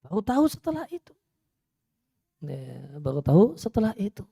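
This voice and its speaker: A man preaching a religious study lecture in a conversational way, repeating phrases, dropping in Arabic, and often pausing on "ya". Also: high-pitched, wildly swooping pitch, vocal fry, mellow, breathy edge, no room sound, studio quality. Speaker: Islamic preacher.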